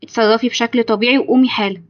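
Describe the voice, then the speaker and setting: A woman's voice: a little high, steady tone, racing, dull audio, lightly acted. A woman with an Egyptian accent voicing a young female best friend who gives urgent orders. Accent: Egyptian Arabic.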